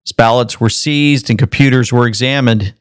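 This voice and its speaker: A man's voice: mid-range voice, normal speed, clear, resonant tone, no room sound, clean studio sound. A man hosting an online commentary show, reacting to news clips in a casual, musing way and reading a sponsor message. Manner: conversational, speculative, repeats phrases.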